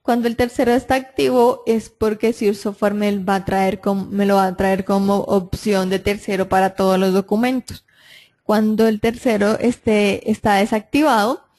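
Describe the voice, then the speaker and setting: A woman talks through a software tutorial one step at a time. Her voice sits at a mid pitch, and she often pauses to confirm that the listener is following. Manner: step-by-step explaining, frequent "entonces" and "listo", checks with "¿sí?". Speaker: software trainer. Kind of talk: screen-recorded software tutorial.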